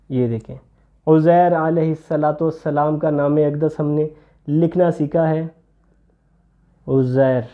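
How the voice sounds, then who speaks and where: A man teaching handwriting step by step, patiently explaining each stroke as he writes. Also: phone-quality sound. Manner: patient, explains while writing, drops low for "see this". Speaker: calligraphy teacher.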